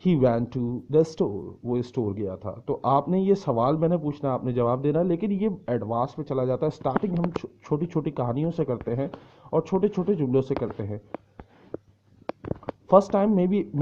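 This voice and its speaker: A man teaching English who speaks slow, careful English lines and then explains them quickly, sometimes acting out the shouted answers. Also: mid-range voice. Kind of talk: explaining in a lesson, switching between slow English lines and fast Urdu explanation. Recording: dull lo-fi recording.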